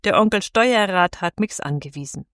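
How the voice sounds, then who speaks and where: A woman's voice: medium pitch, expressive, moderate pace, a bit bright, no room sound, lightly acted. A woman voicing a shy, frightened young country girl who speaks timidly, close to tears.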